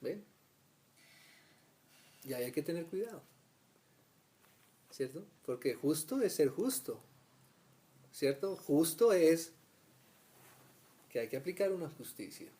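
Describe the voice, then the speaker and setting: Slow and sing-song, with long pauses, his mellow voice sits a little high. He's a Colombian man running a conversational Bible study, acting out small everyday scenes and often asking his listeners "¿cierto?"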